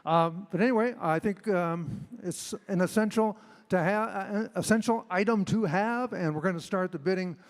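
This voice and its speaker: A man's voice: high voice, normal speed. An American man in his seventies speaking informally on stage, joking and chatty as he presents to an audience. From Illinois, United States. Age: 70s. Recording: echoey large hall PA.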